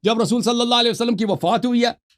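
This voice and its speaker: A man hosting a call-in show, arguing a religious debate forcefully, reading out passages and talking over his opponent. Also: extremely high pitch. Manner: combative, talks over the caller, reads out book passages. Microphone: online call.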